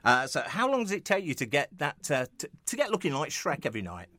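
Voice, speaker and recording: A man's voice: a little high, wildly swooping pitch, fast talker, sharp tone, dry recording, clean studio sound. A man hosting a radio interview in a casual, chatty way, rambling with frequent restarts and fillers, and chuckling often. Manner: jovial, chuckling. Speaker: radio host. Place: radio studio.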